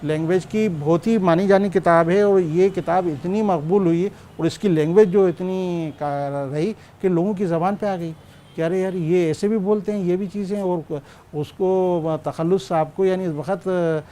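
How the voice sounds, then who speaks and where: A man's voice: high voice, fairly even intonation, normal speed, dark tone. A man who speaks thoughtfully in a documentary interview recorded in an indoor room, with small restarts as he talks.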